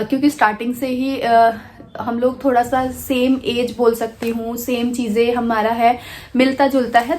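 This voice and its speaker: A woman vlogger telling a personal story in a soft, hesitant way, pausing often with fillers and restarts. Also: on the high side. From India.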